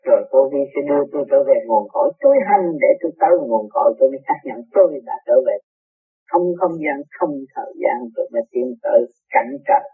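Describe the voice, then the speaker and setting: A man's voice: fairly high pitch, creaky, slightly rough, dry recording. A man giving an emphatic, repetitive spiritual sermon to his followers. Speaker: spiritual teacher. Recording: tinny, dry, phone-like lo-fi recording.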